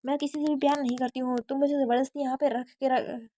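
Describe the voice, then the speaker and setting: A woman's voice: high-pitched, level tone, quick pace, warm tone, dry recording. A woman narrating a drama recap in a casual storytelling way, retelling the characters' lines in her own voice with frequent restarts.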